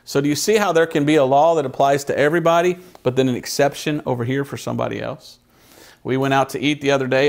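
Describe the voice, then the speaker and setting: With a gravelly, mid-range voice, this man preaches a Bible study at church. He shares stories in a conversational way and asks the people in the pews questions.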